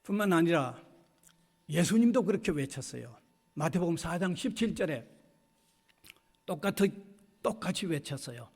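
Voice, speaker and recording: A man's voice: on the high side, expressive, normal speed, long pauses, a little mellow, big-room sound. A man preaching a sermon as pastor, emphatic and often repeating his key phrases. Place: university church sanctuary.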